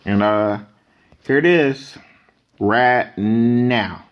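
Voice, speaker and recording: A man's voice: mid-range voice, drawn-out words. A man talking casually and unscripted as a solo podcast host, with rambling conversational asides. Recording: slightly dull, lo-fi microphone audio.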